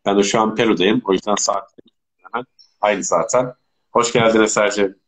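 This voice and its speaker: A man's voice: on the low side, steady tone, normal speed, poor audio. Stuffy-nosed man hosting a casual live chat. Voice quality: congested, stuffy nose. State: stuffy, runny nose from allergy. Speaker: host of an online live chat.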